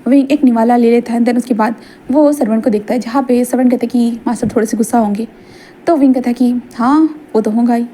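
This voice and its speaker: High-voiced woman narrating a story. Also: fairly even intonation, fast talker, dark tone, breathy edge. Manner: explains and repeats, mixing English words into Hindi. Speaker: fan fiction storyteller.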